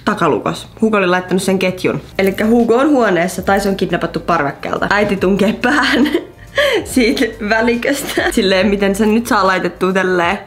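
A young woman of around twenty tells personal stories in a chatty, animated vlog. Her voice sits at an ordinary middle pitch for a woman. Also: few pauses. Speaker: vlogger. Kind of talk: casual storytelling vlog.

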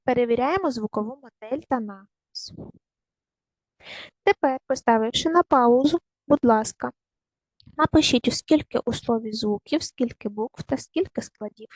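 A woman teaching a recorded primary school lesson, giving clear, patient step-by-step instructions to young children. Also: on the high side, moderate pace, dry recording, low-quality recording.

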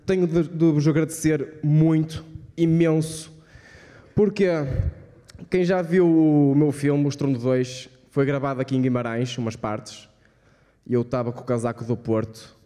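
A man's voice: fairly high pitch, fairly even intonation, moderate pace, warm tone. A man doing slangy, profane stand-up and bantering with a live crowd. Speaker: stand-up comedian. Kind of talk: crude stand-up comedy. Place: live comedy venue with audience. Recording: reverberant live hall.

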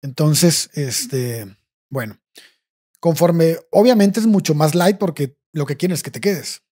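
A man's voice: fairly high pitch, measured pace, warm tone, breathy edge. A young Mexican man telling a personal story in casual, slang-heavy chat, swearing freely and tagging his phrases with "güey".

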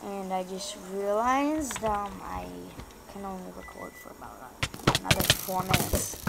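Rambling gamer woman over loud noise. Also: medium pitch, unhurried, vocal fry. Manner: rambling, self-mocking, chatty. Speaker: gaming YouTuber. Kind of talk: casual gameplay commentary.

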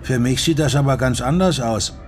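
A man's voice: mid-range voice, normal speed, darkish tone, slight background noise, pitched above the performer's own voice, close to an everyday voice. A man reading an audiobook, voicing a curious young male trainee agent in a raised, eager voice. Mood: probing.

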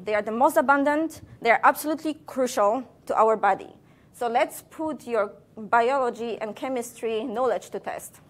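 Playful woman scientist quizzing her audience. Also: on the high side. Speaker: scientist giving a public lecture. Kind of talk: public science talk to a live audience.

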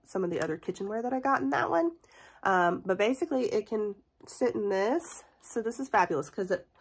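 A woman's voice: mid-range voice, a bit bright, slightly rough. Bubbly stuffy-nosed woman in her forties. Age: 40s. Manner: bubbly and chatty, laughs often. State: stuffy from a cold. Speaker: beauty and haul vlogger. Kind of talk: casual product review vlog.

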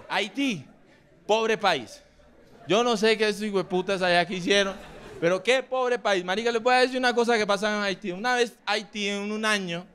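A young man with a Colombian coastal accent doing a brash, profane stand-up set on a club stage. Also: high voice. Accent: Colombian coastal Spanish. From Colombian Caribbean coast. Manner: brash, profane, acts out loud characters. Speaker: stand-up comedian. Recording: live club recording, audible noise. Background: audience laughter and room ambience.

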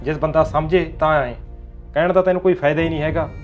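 A gruff but kindly old father-in-law, played by a man, talking quickly in a fairly high voice. He scolds and bickers with his wife. Faint music sits behind him. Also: fairly even intonation, natural voice. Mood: grumbling, sympathetic. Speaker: actor. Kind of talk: amateur short-film acting.

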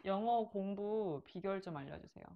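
Female interviewer, thirties, medium pitch, informal chat style, slightly dull lo-fi sound. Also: normal speed. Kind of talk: casual question-and-answer interview. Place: small living room, on a sofa indoors.

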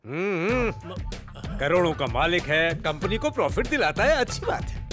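A stubborn middle-aged father, blustering and sarcastic in a dubbed comedy. His voice is high and swoops widely. Loud film music plays behind him. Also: big pitch swings, moderate pace. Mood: stern. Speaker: disapproving father. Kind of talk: Hindi film dubbing.

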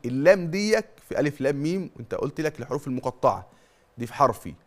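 A man's voice: medium pitch, very animated, rapid-fire. Egyptian man teaching Quran recitation rules. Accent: Egyptian Arabic. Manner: drills terms by question and answer, stretching out long vowels to demonstrate. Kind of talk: TV tajweed lesson.

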